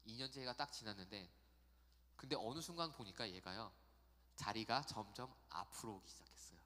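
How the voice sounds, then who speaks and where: A man giving a youth sermon in a church, chatty and animated, telling stories and acting out quotes. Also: lowish voice, moderate pace, long reverb tail. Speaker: youth pastor. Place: church sanctuary.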